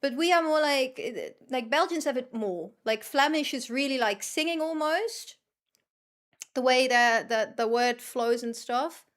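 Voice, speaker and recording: While streaming a game, a Dutch-accented woman from the Netherlands keeps up a casual chat, teasing and swearing with a blunt edge. She speaks in a high voice at a measured pace.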